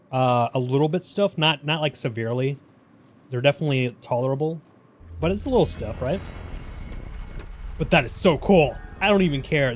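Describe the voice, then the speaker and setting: A man giving excitable let's play commentary, swearing and laughing often as he plays. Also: medium pitch. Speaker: gaming YouTuber.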